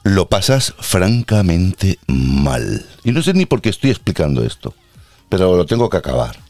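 Host, male; very low voice, dry sound, crude rambling comic delivery. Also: sing-song, moderate pace, darkish tone, no room sound, soft background music. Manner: crude, rambling, self-mocking. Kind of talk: comic personal monologue.

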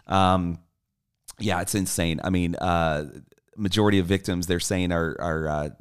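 Deep-voiced male podcast co-host. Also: fairly even intonation, unhurried, clear, resonant tone. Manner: emphatic, repeats points for weight. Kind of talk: casual podcast discussion.

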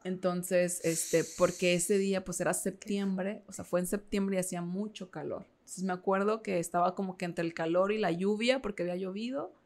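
Woman guest, gravelly voice, candid storytelling, lots of fillers. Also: lowish voice, steady tone, moderate pace, few pauses, a little mellow. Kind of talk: casual interview chat.

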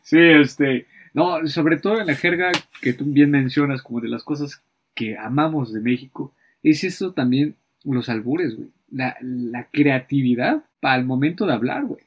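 A man's voice: mid-range voice, normal speed, husky. A young Mexican man co-hosting a podcast in a slangy, playful way, with a Mexican Spanish accent. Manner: slangy, playful, laughs a lot. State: hungover. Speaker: podcast co-host. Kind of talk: casual chat.

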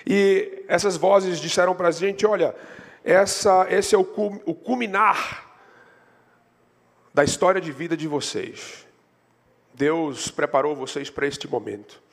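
A Brazilian man preaches in a church, his voice sitting a little high for a man. He tells stories, lifting his pitch and force when he drives a point home. A long reverb trails each phrase through the sanctuary. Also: slow. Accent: Brazilian Portuguese. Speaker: pastor. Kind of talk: sermon.

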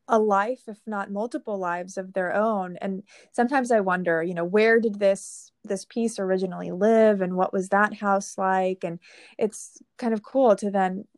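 A woman interviewer with a mid-range voice, recorded dry and close with no room sound. She affirms her guest and asks measured, friendly questions at an even pace. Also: medium pitch, no room sound. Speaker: interview host. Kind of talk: casual interview conversation.

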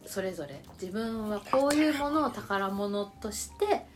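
Brief: woman podcast host, animated up-and-down delivery, casual chat, quick questions. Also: mid-range voice, faint music behind. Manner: laughs often, quick follow-up questions.

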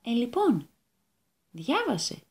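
A woman voicing a calm, serious holy boy who examines a pupil, speaking softly and slowly with quiet authority in a children's story. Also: on the high side, pitched above the performer's own voice. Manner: soft, slow and calmly authoritative.

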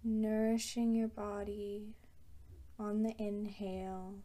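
A woman guiding a breathing meditation in a soft, soothing manner with long pauses. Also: medium pitch, little pitch movement. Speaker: meditation guide. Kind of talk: guided meditation.

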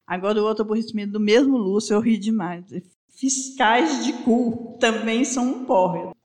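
A Brazilian woman hosts a casual solo podcast in a slightly high voice. She talks to her listeners directly, chatty and expressive, with a lot of feeling. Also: moderate pace. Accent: Brazilian Portuguese. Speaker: podcast host.

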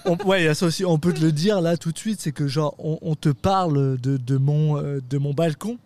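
A man with a fairly high voice chats loosely as a podcast co-host, tipsy and rambling. He laughs often and restarts his sentences. He is recorded outdoors on a balcony. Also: fairly quick, a little mellow. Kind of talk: casual chat.

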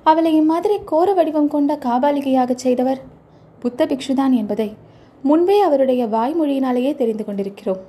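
A woman's voice: high voice, normal speed, warm tone. A woman narrating a historical novel as an audiobook, dramatic and storytelling, with rhetorical questions.

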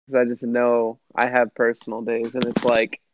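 A man's voice: mid-range voice, completely flat delivery, normal speed, background noise. A man co-hosting a podcast in casual chat, slipping in dry teasing quips. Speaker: podcast co-host. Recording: dull lo-fi sound.

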